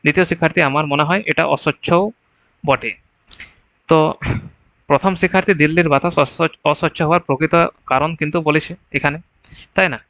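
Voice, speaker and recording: Male exam-prep teacher, brisk and bright, slightly high voice, walks through the options point by point. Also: steady tone, no echo, dull audio. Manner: explains answer choices step by step, often asks "right?". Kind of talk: online exam-prep lesson.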